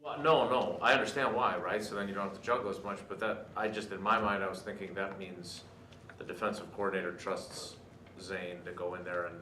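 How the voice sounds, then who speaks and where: A man's voice: low voice, fairly even intonation, brisk, sharp tone. A man, a reporter, asking a coach a question at a press conference and thinking aloud as he goes. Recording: roomy press room with background noise.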